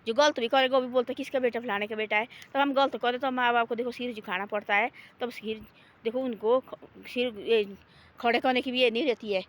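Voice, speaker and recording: Casting note: woman, slightly high voice, homely rambling talk outdoors in a forest, gently moralizing. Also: fairly even intonation, fairly quick.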